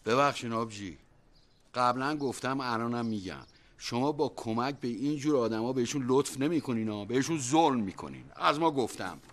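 A man's voice: medium pitch, lightly acted. An actor playing a burly, tough working man who is streetwise, blunt with rivals and courteous to women. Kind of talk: TV drama acting.

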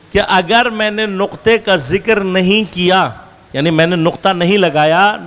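A man's voice: sits high, fairly bright tone. A man delivering a religious lecture to an audience, explaining with examples and asking rhetorical questions that he answers himself. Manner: explains with worked examples, shifting between slow stresses and quick runs. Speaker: religious scholar.

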